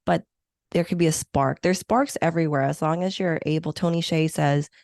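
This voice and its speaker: Her voice is low, steady, gravelly and a touch mellow, delivered at normal speed in a clean studio with no room sound. She's a woman in her thirties from Hong Kong, raised in the U.S. with Chinese or Vietnamese as her first language, speaking enthusiastically and reflectively, fillers and all, as an interview guest who plans meetings.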